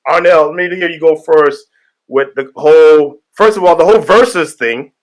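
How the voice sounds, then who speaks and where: Man, podcast host and pastor, slightly high voice, hype greetings, loose rambling. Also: moderate pace. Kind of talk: casual podcast chat.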